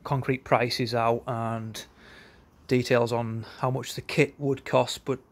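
The man's voice is mid-range, level and slow as he presents a product in an informal walkaround. He's filming with a handheld phone from behind the camera in an outdoor concrete yard by outbuildings, sounding matter-of-fact and a bit hesitant.

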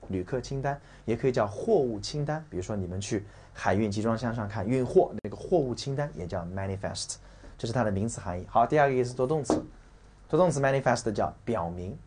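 Blunt, husky-voiced male vocabulary teacher. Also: on the low side, darkish tone. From China. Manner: brash and blunt, swears casually, mocks and rants mid-lesson; drills spellings and stress slowly, repeating key words. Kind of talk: recorded exam-prep vocabulary lesson.

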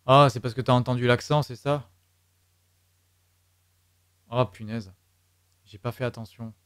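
A man's voice: mid-range voice, fairly even intonation, unhurried, a bit bright, smooth, no echo, clean studio sound. A man with a French accent streaming a game, thinking aloud and muttering to himself and his chat as he works through a puzzle. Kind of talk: live let's play commentary.

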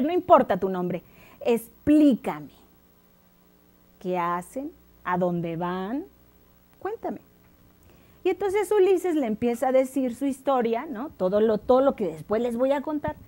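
Mexican lady telling kids a story, fairly high voice, really animated and dramatic. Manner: animated, dramatic, addresses listeners directly. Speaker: storyteller host. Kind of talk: children's storytelling.

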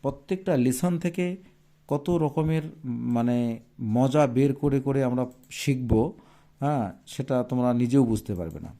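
A man's voice: medium pitch, normal speed, pauses often, mellow. A man teaching a primary school English lesson, patiently asking his pupils questions and repeating each answer. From Bangladesh.

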